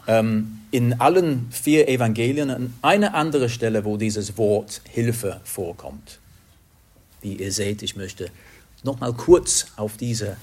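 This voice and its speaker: A man's voice: lowish voice, husky. A man preaching a sermon in an earnest way, sometimes hunting for the right word. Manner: slow, earnest, searching for words at times.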